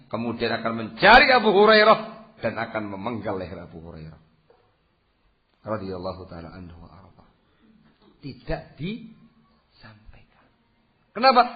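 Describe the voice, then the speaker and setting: A man preaching at a religious study lecture, switching between loud emphatic bursts and quiet asides and asking rhetorical questions, in his speech. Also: on the high side. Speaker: Islamic preacher. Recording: dull lo-fi lecture recording.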